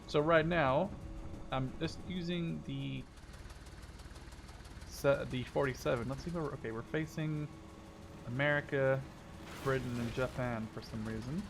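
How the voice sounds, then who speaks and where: A Dutch gaming video host in his twenties, based in Canada, talks over tank game sounds, with vehicle and game noise behind him. His voice is medium-pitched with vocal fry, a little slow, and broken by frequent pauses. His gameplay commentary is casual, chatty and playful, and he often thinks aloud as he plays.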